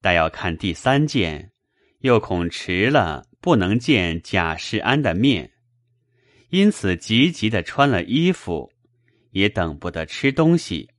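Very deep slow man narrator. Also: no room sound, studio quality. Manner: measured, steady storytelling. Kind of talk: audiobook narration of a classic novel.

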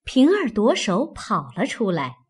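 A woman narrating a classic novel in a slow, measured storytelling manner. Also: medium pitch, huge pitch swings, slightly rough.

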